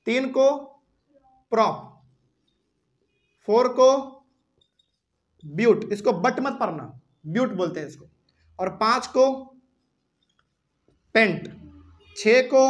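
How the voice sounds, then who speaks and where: With a high, fairly bright voice, a man teaches chemistry at a whiteboard in Hindi with a Bihari accent. He explains step by step and asks the class questions along the way.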